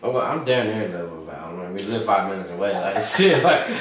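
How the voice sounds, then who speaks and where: A man's voice: low-pitched, expressive, brisk. A man co-hosting a casual podcast chat, brash and joking, talking over the others. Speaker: podcast co-host. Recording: echoey room, distant mic.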